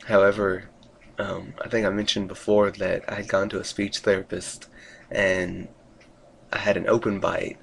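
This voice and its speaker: A man's voice: low-pitched, little pitch movement, normal speed, creaky, slight background noise. A man talking casually in a video diary, rambling hesitantly and trailing off as he goes. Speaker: vlogger giving a recovery update.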